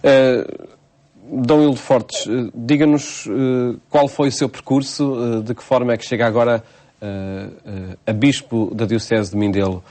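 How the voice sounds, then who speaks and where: A male radio interviewer asking questions and gently prompting his guest, with frequent affirming murmurs. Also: mid-range voice, steady tone, unhurried.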